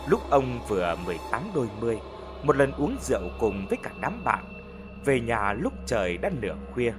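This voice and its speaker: A man narrating a ghost story in an expressive, scripted storytelling way. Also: mid-range voice, fairly quick. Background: faint background music.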